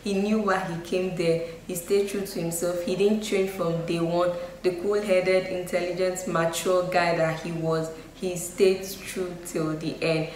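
A woman's voice: fairly low pitch, level tone, unhurried, hardly any pauses, darkish tone. Chatty woman in an echoey room. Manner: chatty, frequent "you know" and "um" fillers. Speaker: YouTube vlogger. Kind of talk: casual opinion vlog. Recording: echoey room with faint noise.

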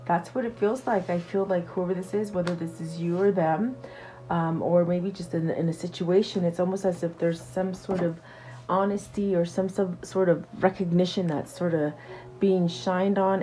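A woman giving a casual tarot reading to her viewers, halting often with fillers and restarts and speaking reassuringly. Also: lowish voice, fairly even intonation, dark tone. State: hiccups. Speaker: tarot reader.

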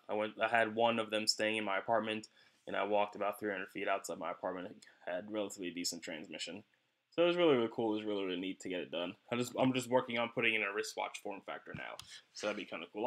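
Seated at a desk in a small indoor room, a young adult man demonstrates something in a loose, informal walkthrough, a bit hesitant as he proceeds. His fairly low voice sounds pushed and bright, and faint noise and clicks sit in the background.

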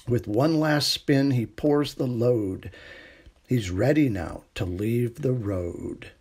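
A middle-aged storytime reader with a husky, creaky, mid-range voice reads a children's picture book aloud. His bedtime delivery is gentle and unhurried, with hushed refrains.

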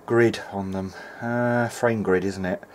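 In a workshop room with clear background noise, a man hosts a casual electronics demonstration at his indoor workbench. A hobbyist repairer, he thinks aloud hesitantly in a lowish, steady-toned voice at a slow pace.

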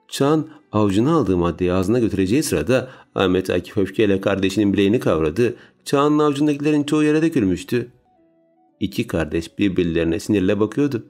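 A man narrating a story in a calm, steady audiobook reading. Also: fairly low pitch. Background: soft music.

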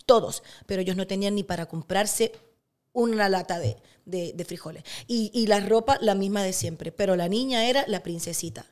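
A middle-aged woman with a Cuban accent, a guest in an interview, telling personal stories in a lively way. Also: medium pitch, normal speed. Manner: animated storyteller who acts out quotes. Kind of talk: casual interview storytelling.

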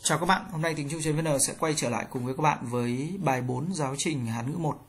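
A teacher gives an online language lesson. The teacher explains in a plain tone, then calls out drill syllables higher and louder. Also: fast talker, a little hiss or hum.

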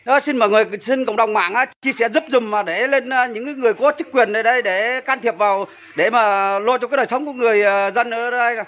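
A man making a halting, hesitant appeal to online viewers, recorded on a muffled phone video. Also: very high-pitched, a bit bright. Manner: hesitant, halting, repeats himself. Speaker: resident filming an appeal.

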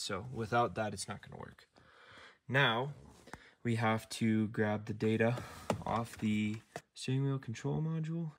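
Slow, gravelly man explaining a truck job. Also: fairly low pitch, a bit bright. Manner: slow, methodical, talking while working, some near-whispered asides. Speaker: DIY car tutorial maker. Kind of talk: step-by-step how-to narration. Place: inside a truck cab.

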